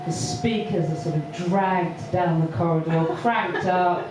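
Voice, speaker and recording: Recorded from a distance in an echoey live room, this comedy club set features a woman with a lowish voice who hesitates often. She delivers her story slowly, full of ums and pauses, while the audience laughs amid background noise.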